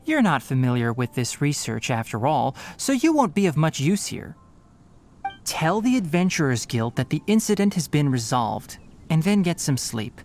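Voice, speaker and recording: A young male forest ranger from a fantasy game, with a fairly high voice and lively intonation. He gives instructions in a brisk, articulate, matter-of-fact way, responsible and in charge, over faint background noise. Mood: firm, concerned. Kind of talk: video game voice acting.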